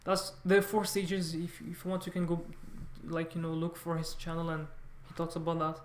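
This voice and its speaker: The speaker is a high-voiced man in an echoey space, a French-native language learner vlogging to his audience without a script. He stays monotone while halting, repeating words and frequently correcting himself.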